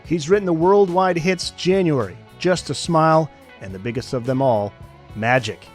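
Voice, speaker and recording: A man's voice: a little high, normal speed, soft background music. Upbeat male podcast host. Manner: upbeat announcer-style delivery. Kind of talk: podcast interview with scripted intro.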